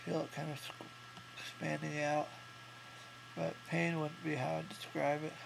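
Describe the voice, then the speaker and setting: A thirties man with a flat delivery talks in heavy vocal fry, his pitch barely moving. He's a vlogger recovering from jaw surgery, congested and unable to breathe through his nose, sounding thick-mouthed as he gives a halting, matter-of-fact video diary. His home recording is clearly noisy, with hum behind him.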